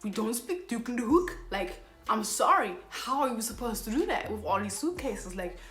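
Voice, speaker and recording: An exasperated young woman vlogger, whose first language is Somali, rambles through a casual storytime and corrects herself along the way. Her voice is a little high and a bit bright, sing-song at a moderate pace. The recording has a roomy echo with faint background music.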